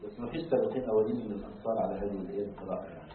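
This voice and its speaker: A man giving a lecture on Quran commentary, explaining at length, filling pauses with a drawn-out "ah" and checking in with the class through rhetorical questions. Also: fairly low pitch, background noise. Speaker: religious teacher. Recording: distant, echoey, tinny phone-like lecture recording.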